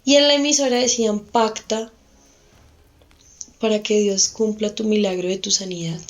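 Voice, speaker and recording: A young woman speaks as a guest on an interview podcast. She recounts her story haltingly, trailing off and restarting her sentences as she goes. Her voice sits at an ordinary middle pitch. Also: fairly even intonation. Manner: hesitant, halting, with frequent restarts.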